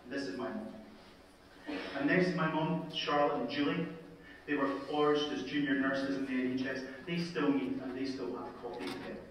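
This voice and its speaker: A Scottish man, an emergency department consultant, telling a story in a talk with wry humour and punchy, dramatic pauses, played from a video into a conference hall. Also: mid-range voice, fairly even intonation, distant mic, slight background noise. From Scotland. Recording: video played into an echoey hall, heard from afar.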